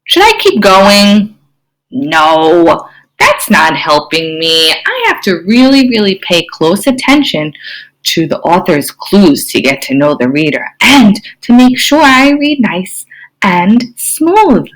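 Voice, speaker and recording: A woman teacher giving an expressive online reading lesson to young children, often asking them questions. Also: mid-range voice, measured pace, poor audio. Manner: expressive, explains with gasps and questions to kids.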